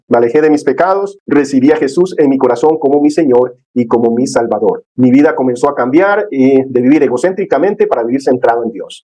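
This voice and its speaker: A man's voice: medium pitch, mellow, poor audio. A man teaching a church discipleship class in an earnest, conversational way, checking in with his listeners constantly.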